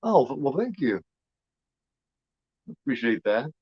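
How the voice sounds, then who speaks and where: A man's voice: medium pitch, sing-song, measured pace, slightly rough, no echo. Rambling fifty-year-old man, muffled audio. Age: 50s. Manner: rambling, repeats himself, frequent fillers and swearing. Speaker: host. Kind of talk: casual watch-along commentary.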